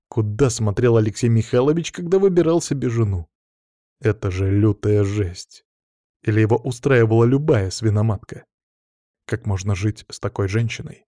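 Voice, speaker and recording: Low, mellow male audiobook narrator. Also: no room sound, clean studio sound. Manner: coarse, sardonic first-person storytelling. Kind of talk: first-person audiobook narration.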